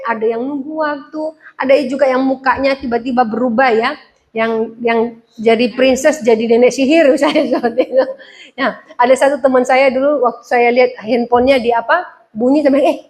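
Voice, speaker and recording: Woman preacher, light high voice, chatty teaching sermon with asides to the pews. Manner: conversational, asks the congregation questions, laughs at her own jokes. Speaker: pastor.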